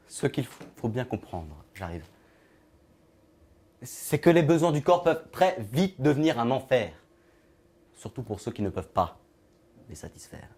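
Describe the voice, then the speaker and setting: An actor playing an odd, lonely man with an invisible friend, talking in a halting, rambling way that trails off into murmurs. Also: lowish voice, a little mellow, slightly rough, exaggerated voice. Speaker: actor in a short film monologue. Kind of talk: film monologue.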